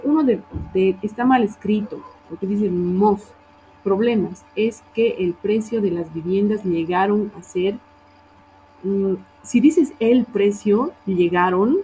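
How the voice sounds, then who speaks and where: A woman's voice: medium pitch, dark tone, slight background noise, low-quality recording. A woman teacher reviewing student assignments, correcting wording and often checking in with her class.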